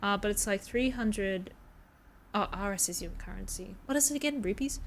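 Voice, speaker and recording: A woman's voice: medium pitch, moderate pace, a little hiss or hum. A woman streaming a game, chatting casually with viewers, rambling and swearing freely. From Australia.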